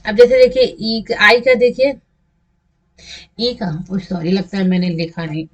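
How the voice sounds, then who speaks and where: A woman's voice: medium pitch, measured pace, highs cut off. Patient woman teaching pronunciation. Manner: patient, repeats and stretches example words. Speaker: English teacher. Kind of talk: classroom lesson over slides.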